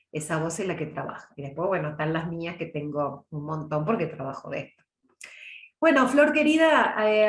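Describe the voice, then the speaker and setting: Over a video call, a middle-aged Córdoba woman with a mild Argentine accent leads an online public speaking class in a conversational, casual-lecture style. Her voice is medium-pitched and the sound is roomy. She's warm and chatty, responding to chat questions and addressing people by name.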